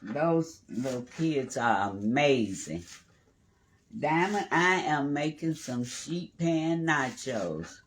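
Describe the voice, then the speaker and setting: A man's voice: fairly high pitch, animated, slow, a little hiss or hum. A man hosting a casual live cooking stream from his home kitchen, chatting and greeting viewers by name as he cooks. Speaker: home cooking livestream host.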